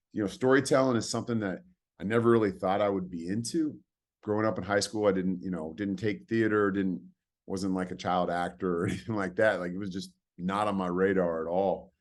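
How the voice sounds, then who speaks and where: A man in his forties from California, a podcast guest telling stories in a rambling, casual way with hesitant restarts. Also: deep voice. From California, USA. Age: 40s. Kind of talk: casual storytelling.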